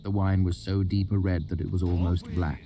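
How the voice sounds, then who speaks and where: A man reads an audiobook in a steady, even voice. His voice is deep and mellow with a dark tone, and faint music plays underneath. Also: a little fast. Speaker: audiobook narrator. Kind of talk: scripted narration.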